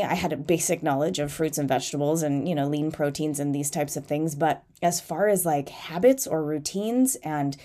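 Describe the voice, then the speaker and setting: Her low, slightly mellow voice comes out nasal and congested from a head cold. A woman in her thirties who coaches fitness, she hosts a podcast alone and talks in a candid, informal, self-deprecating manner.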